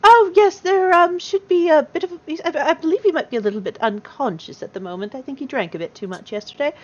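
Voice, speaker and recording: A woman's voice: sits high, fast, lo-fi sound, pitched above the performer's own voice, close to an everyday voice. A woman playing a prim ancient grandmother gnome. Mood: sweet. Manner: genteel, old-fashioned, calls people dearie.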